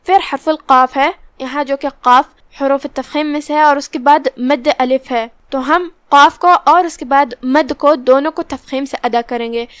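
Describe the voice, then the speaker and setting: A woman teaching the rules of Quran recitation, explaining each letter step by step and then reciting slowly and drawn out. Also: high voice, no room sound. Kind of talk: tajweed lesson with slow recitation.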